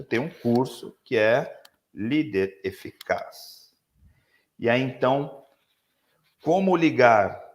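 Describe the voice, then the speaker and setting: On a live webinar, a man with a Brazilian Portuguese accent reflects on leadership, using many tag questions. His voice is hoarse and medium-pitched, and he's a leadership speaker.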